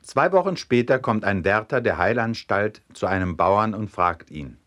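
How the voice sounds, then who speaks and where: A man narrating short jokes aloud in a lowish, expressive voice. His intonation moves widely, keeping each anecdote animated. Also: normal speed, highs cut off. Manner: expressive storytelling.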